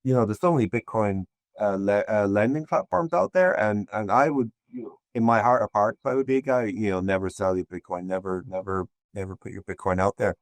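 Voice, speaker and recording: A man speaks as a podcast guest in a very low voice. He rambles and restarts often in casual conversation, and the sound is dry and close. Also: brisk, hardly any pauses, dry recording. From Ireland. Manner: meandering, hesitant, many restarts.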